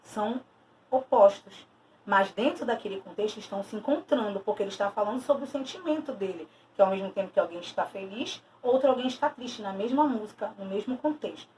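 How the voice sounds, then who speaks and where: A woman's voice: a little high, a little mellow. Woman teacher, distant mic. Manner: explanatory, repeats key terms with stressed emphasis. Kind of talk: recorded video lesson. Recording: distant mic with faint noise.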